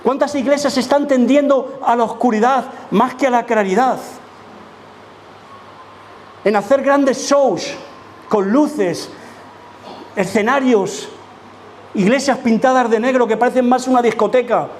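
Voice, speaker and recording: A man's voice: extremely high pitch, unhurried, long pauses, slight background noise. A man from preaching a sermon as pastor, emphatic and full of rhetorical questions to the congregation. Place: church.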